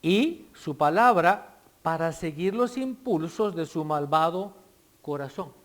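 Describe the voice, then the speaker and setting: Preaching a sermon in a high voice, a male pastor explains his choice of words, alternating between loud, emphatic phrases and soft asides.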